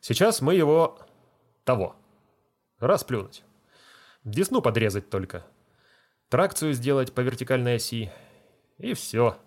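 A man's voice: medium pitch, very animated, unhurried, pauses often. A man playing a pompous, self-important village medical assistant who lectures and scolds. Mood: lecturing.

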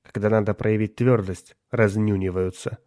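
Man as a stern, irritable dad, audiobook voice: low and gruff, dry close sound. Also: steady tone, moderate pace, darkish tone, no room sound, lightly acted. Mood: scornful. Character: stern, irritable middle-aged father. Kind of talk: audiobook character voice.

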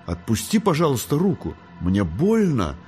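A man reading an audiobook, voicing a gentle, timid young girl angel who pleads and frightens easily. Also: medium pitch, wildly swooping pitch, normal speed, soft background music. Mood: frightened.

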